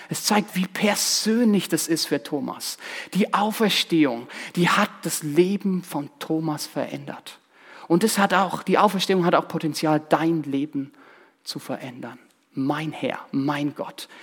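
A man delivers a sermon in a somewhat high, husky voice. He is emphatic, repeats his key phrases and speaks straight to his listeners. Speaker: preacher.

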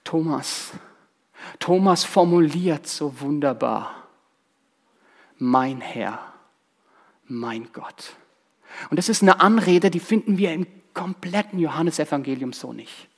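A man delivers a sermon in a somewhat high, husky voice. He is emphatic, repeats his key phrases and speaks straight to his listeners. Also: moderate pace. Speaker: preacher.

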